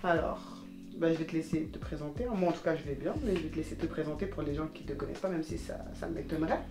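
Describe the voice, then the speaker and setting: A woman's voice: low voice, quick pace. A woman hosting an interview, talking casually, teasing her guest and cutting in with questions. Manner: lively, teasing, jumps in with questions. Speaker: show host. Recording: roomy sound with music behind.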